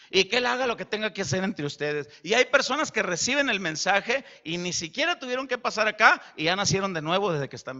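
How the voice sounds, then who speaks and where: A man preaching a sermon as pastor, animated and acting out dialogue. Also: high voice. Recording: dull lo-fi.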